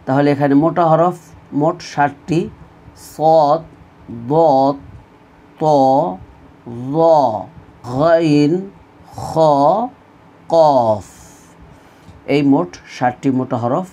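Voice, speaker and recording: A man's voice: a little high, fairly even intonation, drawn-out words, pauses often, dark tone. A man teaching an online Quran reading lesson, drilling letter sounds in pairs and having students repeat after him. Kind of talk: slow recorded online lesson.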